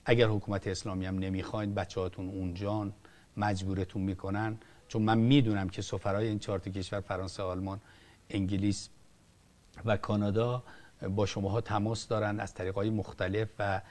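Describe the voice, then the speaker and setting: A man's voice: lowish voice, little pitch movement, darkish tone. An older man, a film director, giving impassioned political commentary with emphatic rises and drops and frequent restarts. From Iran. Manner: emphatic, rising and falling sharply, frequent restarts.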